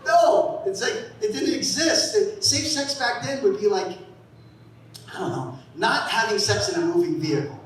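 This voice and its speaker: Stand-up comic, man, fifties, high voice, rambling anecdotes, heard from afar in a roomy club. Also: expressive, normal speed, slight background noise. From San Francisco Bay Area. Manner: rambling storytelling with bursts of shouted character voices. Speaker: stand-up comedian. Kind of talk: stand-up set. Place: comedy club stage. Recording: echoey club sound from a distant mic.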